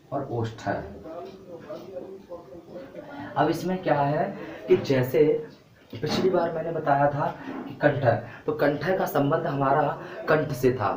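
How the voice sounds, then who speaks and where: A man's voice: fairly high pitch, darkish tone. A man teaching a grammar lesson, explaining step by step, asking rhetorical questions and correcting himself aloud. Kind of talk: classroom-style grammar lesson. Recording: echoey room, voice from a distance.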